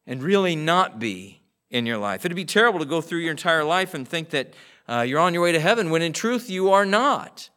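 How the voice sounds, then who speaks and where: Male pastor, earnest sermon delivery, slightly high-pitched, church sanctuary live stream. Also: very animated, fairly quick, pushed and bright. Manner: earnest preaching, acts out quoted voices.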